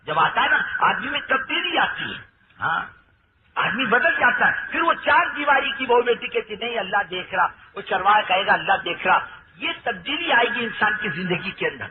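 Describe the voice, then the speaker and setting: High-voiced preacher on a tinny, hissy recording. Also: male voice, sing-song. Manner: rhetorical questions, dramatic storytelling with acted voices. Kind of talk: sermon.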